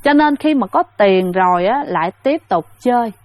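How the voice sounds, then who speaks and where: A woman's voice: fairly high pitch, expressive, normal speed, dry recording. A woman telling a ghost story in a chatty way, speaking straight to her listeners with many fillers. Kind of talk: casual spoken ghost story.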